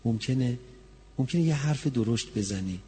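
A man preaching a religious sermon that rises into a chanted mourning lament, moving from soft, close talk to high, loud wailing. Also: lively intonation, husky. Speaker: preacher reciting a mourning recitation.

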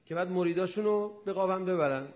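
A man preaching a storytelling sermon, acting out the people in it and swinging from hushed asides to loud emphasis. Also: high-pitched. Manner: animated, acts out quoted speakers. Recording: echoey dull lo-fi room sound.

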